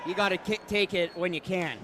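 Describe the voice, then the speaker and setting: A man's voice: sits high, fairly even intonation, a little fast. A man giving live wrestling commentary as a commentator, with conversational banter around the action. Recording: very noisy event-hall recording.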